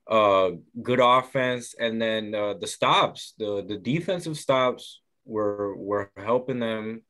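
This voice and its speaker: A young man giving a halting sports breakdown as a guest on a video call, full of fillers and restarts. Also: fairly low pitch, fairly bright tone. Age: young adult. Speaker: guest analyst. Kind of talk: sports recap chat.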